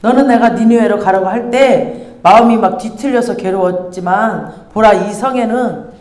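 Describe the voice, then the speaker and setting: A woman pastor preaching a sermon in a lively, teasing, conversational way, acting out scenes for her congregation. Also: medium pitch, normal speed. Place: church hall. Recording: roomy church hall echo.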